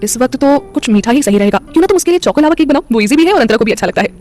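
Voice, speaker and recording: A woman voicing a gentle, bashful young woman in a romantic audio story. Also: high voice, animated, rapid-fire, soft background music, pitched above the performer's own voice. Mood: friendly. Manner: gentle, shy.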